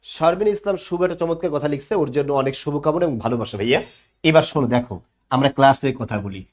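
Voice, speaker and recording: A man's voice: a little high, quick pace. A young man teaching a live online grammar class, often asking students to repeat the answer back to him.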